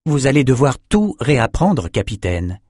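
A man's voice: medium pitch, big pitch swings, normal speed, a little mellow, husky, dry recording, studio quality, pitched above the performer's own voice. A man narrating a story voices an unshakably optimistic woman traveler, encouraging and upbeat.

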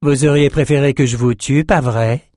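A man's voice: medium pitch, fairly even intonation, normal speed, a little mellow, no echo, voice pushed up, close to an everyday voice. A merciless sorceress, voiced by a male audiobook narrator, taunts in a raised, cutting tone. The sound is dry and close. She sounds cold and utterly in control. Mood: mocking. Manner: taunting, icy threats. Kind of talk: audiobook character voice.

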